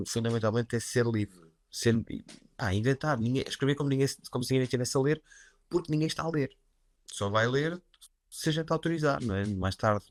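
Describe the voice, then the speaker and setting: A guest writer and writing teacher, a man with a fairly low voice and a European Portuguese accent, chats about writing in a casual interview. Relaxed and self-deprecating, he rambles comfortably, using many fillers like "pá." The sound is dry and close, with no room sound at all.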